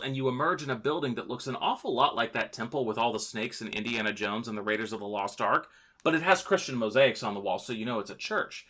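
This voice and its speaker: A man's voice: medium pitch, fairly bright tone. A man hosting a podcast, narrating history from a script with a jokey, playful manner and theatrical asides. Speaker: podcast host.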